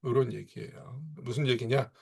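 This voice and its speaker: A man's voice: medium pitch, fairly even intonation, normal speed, vocal fry, husky. A man giving an online seminar lecture, dropping frequent fillers and asking rhetorical questions as he explains. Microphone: video call.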